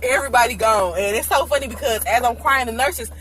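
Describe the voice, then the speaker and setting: A young woman telling a story casually to her viewers, animated and laughing, calling them y'all. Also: on the high side, quick pace, faint music behind. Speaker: channel host telling her birth story.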